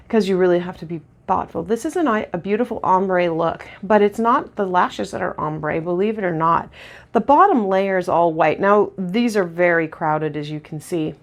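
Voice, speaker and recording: A woman demonstrating lash techniques in a casual tutorial, chatty and relaxed with lots of ums and restarts. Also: fairly low pitch, creaky. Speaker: lash artist instructor.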